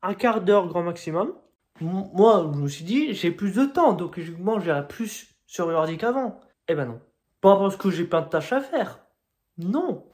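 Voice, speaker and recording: A man's voice: high voice, lively intonation, moderate pace, a little mellow. A young man chatting casually in a vlog, rambling along with frequent hesitations and restarts. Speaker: vlogger.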